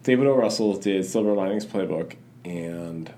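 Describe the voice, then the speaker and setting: Deep-voiced guy hosting a podcast, rambly, keeps restarting, faint room hum behind. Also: moderate pace, dark tone. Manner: rambling, full of restarts and fillers. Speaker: podcast host. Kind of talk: casual chat.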